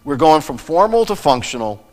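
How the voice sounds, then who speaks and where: Middle-aged guy preaching, higher-pitched voice, earnest storytelling, church reverb around him. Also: sing-song, normal speed, a little mellow. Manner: earnest, personal storytelling with restarts. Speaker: pastor. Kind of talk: sermon. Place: church sanctuary.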